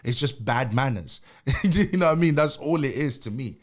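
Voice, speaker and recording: A man's voice: medium pitch, expressive, moderate pace. A young adult man co-hosting a podcast, arguing his point emphatically in casual chat, repeating himself and laughing between points. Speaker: podcast co-host.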